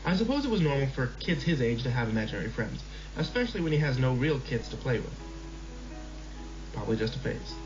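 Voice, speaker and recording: A man narrates a horror story in a sing-song, mid-range voice, measured in delivery and slowing down in the tense passages. The lo-fi recording is slightly dull and has music.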